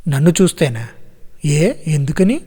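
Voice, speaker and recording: A brisk old grandmother who scolds with affection, as the male narrator puts her on. The voice sits a little high and rings with a long reverb, read from a storybook. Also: very animated, mellow, slightly rough, exaggerated voice. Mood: scolding.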